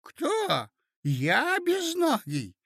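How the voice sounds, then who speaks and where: A man's voice: very high-pitched, wildly swooping pitch, drawn-out words, vocal fry, fairly bright tone, pitched above the performer's own voice, exaggerated voice. A man voicing a frail, muddled elderly prince who speaks in a quavering, plaintive way. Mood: fretful. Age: older.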